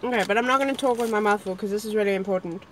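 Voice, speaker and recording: A woman's voice: medium pitch, rapid-fire. A young woman, co-hosting a casual chat outdoors in a park, playful and full of "like". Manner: chatty and playful, peppered with "like". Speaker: co-host.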